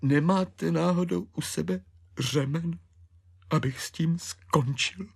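A man's voice: on the high side, vocal fry, a little mellow, slightly rough, voice pushed up. A man voicing a despairing middle-aged clerk and father, who pleads and wails in self-pity. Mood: desperate. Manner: wailing, pleading, self-pitying.

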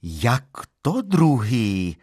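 Man doing a fed-up wife, high-pitched, sharp and sarcastic, shouting from another room. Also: sing-song, breathy edge, no room sound, clean studio sound. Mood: irritated. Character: bored, irritated middle-aged wife.

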